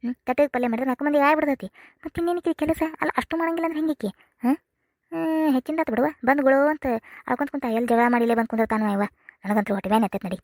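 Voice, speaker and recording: A woman's voice: high-pitched, very fast, darkish tone, no echo, clean studio sound. A woman voicing a fussy, doting middle-aged village mother in a cartoon comedy, with a North Karnataka accent and a chattering, dramatic way of talking. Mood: grumbling. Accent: North Karnataka Kannada. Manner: chattering, dramatic, rhetorical questions.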